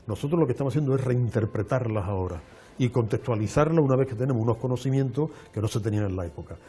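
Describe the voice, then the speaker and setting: Husky-voiced man explaining history. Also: mid-range voice, mellow. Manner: measured, lecturing, with frequent restarts. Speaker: archaeologist guest. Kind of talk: explanatory interview talk. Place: television studio.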